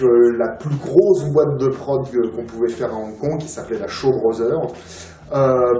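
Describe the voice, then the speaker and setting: A man's voice: medium pitch, mellow. Rambling man, far off in a roomy space. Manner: rambling, many filler sounds and restarts. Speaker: interview guest, film collector. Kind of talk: casual interview. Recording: roomy, distant mic, music behind.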